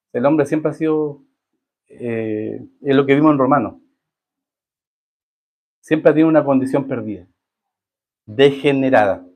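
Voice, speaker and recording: A pastor preaching to his congregation in a church sanctuary, his voice sitting a little high for a man. He talks in a conversational way and keeps asking his listeners questions. When he reads scripture he slows down and leans into the key words. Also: a little mellow. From Chile. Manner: reads scripture verses slowly with rising emphasis. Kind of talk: sermon.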